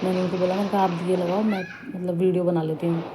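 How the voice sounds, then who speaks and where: A woman's voice: lowish voice, level tone, quick pace, noisy background. A young woman casually narrating a family vlog, chatty and homely in her storytelling. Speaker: family vlogger.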